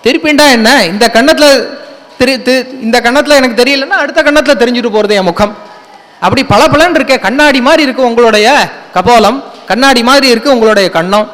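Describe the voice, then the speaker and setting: A man's voice: very high voice, brisk, fairly bright tone, big-room sound. A man voicing a playful young goddess wife who teases her husband. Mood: teasing. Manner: teasing, coaxing.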